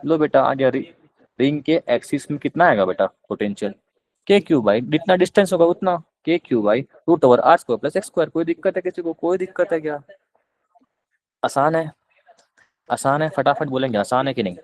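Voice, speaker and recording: A man with a Punjabi accent teaching physics in a live online class, explaining slowly and repeating questions to his students. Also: fairly high pitch, lively intonation, a little mellow, low-quality recording. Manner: coaxing, repeats questions to students, calls them beta; slow, deliberate explanation.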